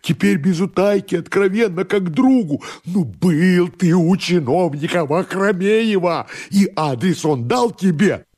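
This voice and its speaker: A man voicing a frantic, desperate middle-aged clerk in an audiobook, shouting and near sobbing. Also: high voice, lively intonation, unhurried, few pauses, pitched above the performer's own voice. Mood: pleading, furious. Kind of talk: audiobook character voice.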